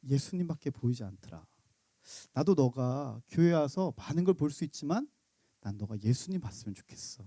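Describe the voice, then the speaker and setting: A calm, devout older mother, voiced by a male pastor speaks low, soft and slow. Her tone is tender and mellow. The room is dry and close. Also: no echo, lightly acted.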